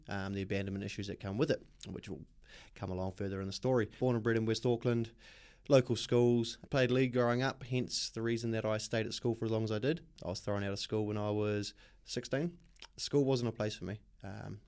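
Kiwi bloke on a pod talking about his life, open and thoughtful, lots of ums, lowish voice. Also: darkish tone. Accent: New Zealand. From New Zealand. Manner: open, reflective, many ums. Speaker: podcast guest. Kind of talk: personal storytelling in an interview.

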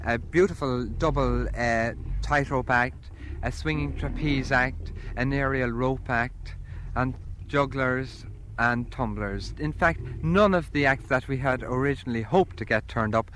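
A man's voice: medium pitch, unhurried, few pauses, a bit bright. A man talking reflectively about his work in documentary style. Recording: noisy location recording.

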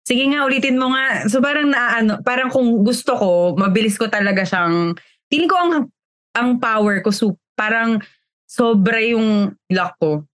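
A woman's voice: on the high side, measured pace, no room sound. A young woman co-hosting a podcast, telling a story in casual chat, mixing Tagalog and English and laughing as she goes. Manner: animated, laughs while telling stories, mixes Tagalog and English. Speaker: podcast co-host.

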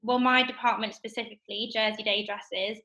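Over a muffled recording with soft music behind her, a woman in her twenties speaks mid-range with fairly even intonation. A guest in a casual interview, she talks about her assistant buyer job in a bright, quick way, leaning on fillers like "kind of" and "like".

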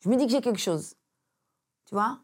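Brisk and a little high-voiced, a Belgian comedian recounts an anecdote on a podcast where she's a guest. She brings the story to life by acting out those she quotes, laughing frequently along the way.

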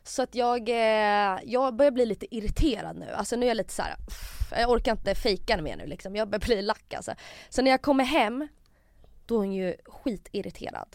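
Young woman, podcast host, lively storyteller, dry close sound. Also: fairly high pitch, no room sound. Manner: animated, acts out quotes, many fillers like "jag bara". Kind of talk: casual storytelling.

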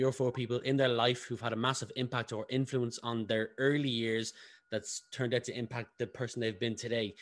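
A man hosting a business podcast, interviewing a guest in a quick, chatty way. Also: medium pitch, no echo. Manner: fast-talking, admits speaking fast. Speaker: podcast host. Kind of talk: casual interview.

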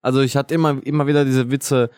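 A man with southern Italian roots in relaxed podcast chat, making cheeky jokes with his co-hosts. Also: mid-range voice, fast, no room sound, studio quality. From southern Italy. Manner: joking, cheeky banter. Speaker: podcast co-host.

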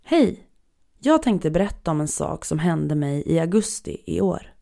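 A narrator reading listener-submitted horror stories aloud in a measured, even storytelling manner. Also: medium pitch, vocal fry. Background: faint background music.

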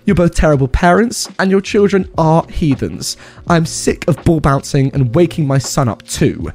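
Man putting on a shrill nasty neighbor woman. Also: lively intonation, normal speed, darkish tone. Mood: screeching. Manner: screeching, insulting, whiny.

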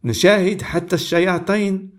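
A male preacher reads scripture aloud, then steps back to comment on it. His voice sits a little high for a man, and he reads in a measured, deliberate way with steady pauses. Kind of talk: Bible reading with sermon commentary.

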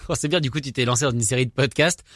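A French man hosts a casual radio interview at a brisk clip. He teases and pokes fun at himself, often rambling through a question. The sound is dry, with hardly any room in it. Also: mid-range voice, a bit bright, no echo. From France. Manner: teasing, self-mocking, rambling. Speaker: radio host.

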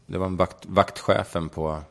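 A young man with a very low, gravelly voice talks frankly in an interview. He retells his own story vividly and drops casual swear words along the way. His voice sits deep, with a rough, crackling edge. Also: steady tone. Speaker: guest.

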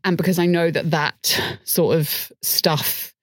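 A woman talking as a podcast guest in casual chat, animated and self-deprecating, often restarting her sentences. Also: low-pitched, slow, slightly rough, no echo, clean studio sound.

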